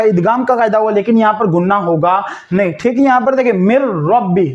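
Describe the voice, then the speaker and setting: High-voiced man teaching Quran reading. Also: lo-fi sound. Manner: patient, asks questions and answers them himself; spells out letters slowly syllable by syllable. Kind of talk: step-by-step recitation lesson.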